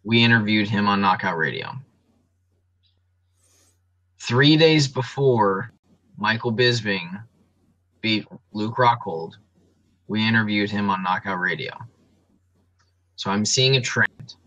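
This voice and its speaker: A man co-hosts a laid-back sports talk show, his voice a little low but bright and forceful. He runs through rankings and records methodically, pausing on plenty of ums. The sound is close and dry. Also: no room sound, highs cut off. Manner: analytical, reels off stats with frequent ums. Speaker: sports podcast co-host.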